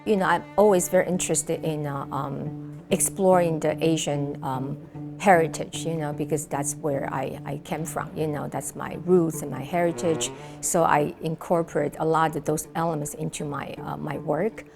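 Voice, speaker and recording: Low, gravelly-voiced woman from Taiwan. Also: fairly even intonation, normal speed. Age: middle-aged. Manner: thoughtful, many fillers and restarts. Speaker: choreographer and dancer. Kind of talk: interview answers. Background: music.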